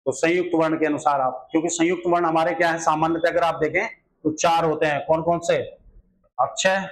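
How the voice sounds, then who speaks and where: A man's voice: on the high side, fairly even intonation, a little fast, rough recording. A male teacher solving exam questions in a grammar lesson, explaining step by step and often asking rhetorical questions.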